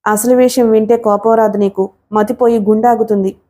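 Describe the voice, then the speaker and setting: A woman voicing a male companion who explains things in a hushed, urgent way. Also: on the high side, fairly even intonation, moderate pace, close to an everyday voice. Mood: explaining.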